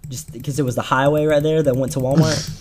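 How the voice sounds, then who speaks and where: A man's voice: mid-range voice, steady tone, fast talker, a little mellow. A teenage man telling a rambling, slangy story on a casual podcast, with lots of fillers and restarts. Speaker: podcast co-host.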